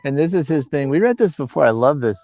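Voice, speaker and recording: A fairly high-pitched, expressive man talks at a quick pace with a slightly mellow tone. He hosts by playfully reading social media posts aloud and riffing on them, often rambling into comic asides.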